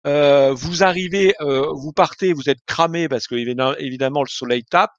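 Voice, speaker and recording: A man's voice: fairly high pitch, normal speed, no echo, muffled recording. A man chatting casually as a guest on a live stream, hesitant and full of fillers and restarts.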